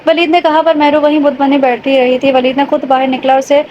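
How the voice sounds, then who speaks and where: A woman's voice: sits high, flat delivery, a little mellow. A woman narrating a romance audio novel, reading every character's lines in her own voice. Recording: dull lo-fi recording with faint noise.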